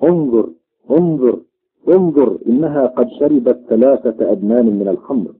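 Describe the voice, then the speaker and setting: A man's voice: medium pitch, expressive, moderate pace, husky. A man voicing an astonished giant king who whispers his amazement, on a tinny, phone-like recording. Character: puzzled, gluttony-struck male giant king.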